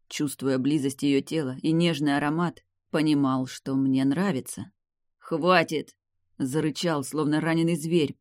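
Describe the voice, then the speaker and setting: A man reading a dramatic novel aloud in first person, in a measured audiobook style. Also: on the high side, darkish tone, no echo, clean studio sound. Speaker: audiobook narrator. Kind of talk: scripted first-person narration.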